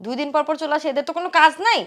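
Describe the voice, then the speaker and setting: A woman playing a spiteful young wife who scolds loudly and sneers at her husband's sister. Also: high voice, very fast. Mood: scornful. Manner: scolding, loud and contemptuous. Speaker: sharp-tongued wife. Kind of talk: short film acting.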